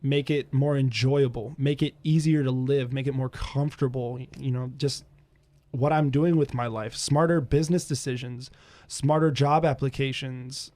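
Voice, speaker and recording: An earnest young man being interviewed on a radio show, speaking at a normal pitch. The recording is dry and close, with no room echo. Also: fairly even intonation, moderate pace, darkish tone. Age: young adult. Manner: earnest, ambitious, rambling. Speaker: guest. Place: radio studio.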